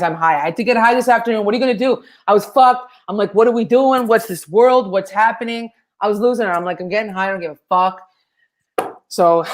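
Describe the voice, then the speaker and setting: A woman hosting a comedy show, brash, profane and rambling. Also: mid-range voice. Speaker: host. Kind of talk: casual comedic monologue.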